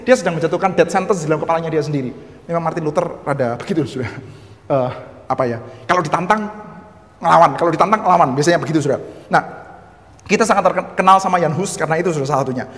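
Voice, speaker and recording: A man with a Javanese-tinged Indonesian accent teaching church history, talking quickly in a fairly high voice. He keeps addressing his listeners directly and slips in humorous asides. The sound carries a long reverb, as in a hall.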